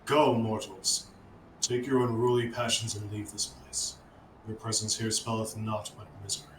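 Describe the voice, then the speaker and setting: A low, solemn dragon voice, put on by a man, proud and embittered, reading out archaic game dialogue with little melodic swing. It sounds echoey, with clear noise around it. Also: little pitch movement, normal speed, natural voice. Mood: scornful, grave. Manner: dragon voice, grave archaic pronouncements.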